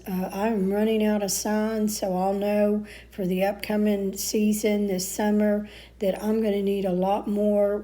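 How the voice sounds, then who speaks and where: Slow-talking Southern woman, homey vlog chat. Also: mid-range voice, mellow, rough recording. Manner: chatty, homey, fillers like uh. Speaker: vlogger and booth reseller. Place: at home.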